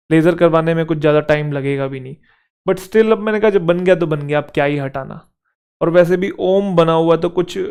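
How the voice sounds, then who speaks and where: A young man teaching English in a relaxed lesson that mixes Hindi and English, asking questions and answering them himself, and reading the English sentences slowly. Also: a little high, clean tone. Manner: conversational, asks and answers his own questions. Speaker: English teacher for exam prep.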